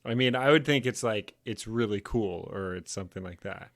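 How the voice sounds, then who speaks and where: A man's voice: on the low side, moderate pace, fairly bright tone, dry recording, studio quality. A man co-hosting a podcast, joking around and laughing easily in casual chat. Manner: playful, joking, laughs often. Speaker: podcast co-host.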